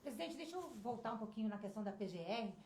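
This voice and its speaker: A woman's voice: a little high, lively intonation, racing, a little mellow. A woman journalist asking questions in a polite, formal way, heard from off-mic. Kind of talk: interview questions. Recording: echoey, distant off-mic voice.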